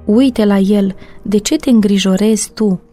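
A trembling, tearful wife who pleads in a raised, shaky voice, as a woman reading the book puts her on. The tone is mellow and soft, and faint music sits underneath this audiobook reading. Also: a little high. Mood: distraught.

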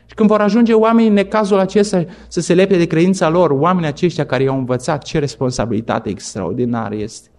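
Middle-aged male preacher, earnest sermon delivery, emphatic, slightly higher voice. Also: a little mellow, a little hiss or hum. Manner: earnest, emphatic preaching that rises and falls in pitch.

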